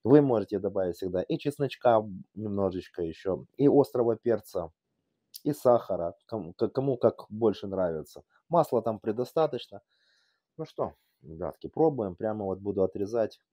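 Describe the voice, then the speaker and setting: Deep, husky man with an Odesa accent. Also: lively intonation, normal speed, mellow, no echo, clean studio sound. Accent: Odesa Russian, Yiddish-tinged. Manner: folksy, repetitive, fond of affectionate diminutives. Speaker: cooking channel host. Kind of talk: casual cooking demonstration.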